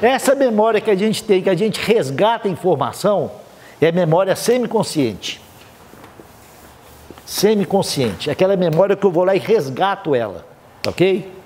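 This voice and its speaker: High-voiced man giving a spiritist seminar. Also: expressive, normal speed, darkish tone, slight background noise. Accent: Brazilian Portuguese. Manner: explanatory, frequent "tá ok?" check-ins with the audience. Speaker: spiritist lecturer. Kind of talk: seminar lecture to a live audience.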